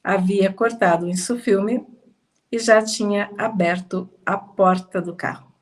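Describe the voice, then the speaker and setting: A woman with a Brazilian Portuguese accent telling a personal testimony in a slow, emphatic conversational way, slightly congested. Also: medium pitch, fairly even intonation. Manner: slow, emphatic, with pauses and soft laughs. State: slightly congested, fighting sneezes. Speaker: testimony speaker.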